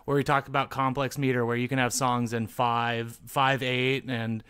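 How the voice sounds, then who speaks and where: A man's voice: medium pitch, flat delivery, normal speed, fairly bright tone, smooth. A man, a musician guest, chatting casually about music.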